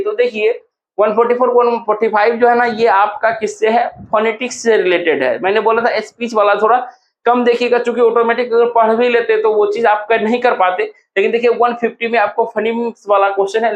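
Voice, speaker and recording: High-pitched Hindi-speaking teacher. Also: male voice, brisk, lo-fi sound, slight background noise. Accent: Hindi-speaking Bihar. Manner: casual, encouraging, addresses students directly. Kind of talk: exam solution walkthrough.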